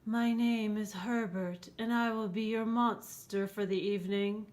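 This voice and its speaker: A woman voicing a mild, bookish male monster from a storybook, breathy and politely earnest. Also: fairly even intonation, unhurried, darkish tone, natural voice. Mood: polite introduction. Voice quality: low, breathy.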